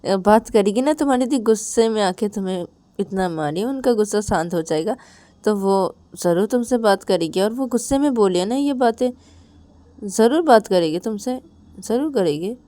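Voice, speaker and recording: A woman's voice: on the low side, fairly even intonation, a little slow, creaky, long pauses, warm tone, no room sound. A woman voicing a caring young man who soothes and coaxes his crying partner, repeating reassurances. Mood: soothing. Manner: soothing, repetitive coaxing.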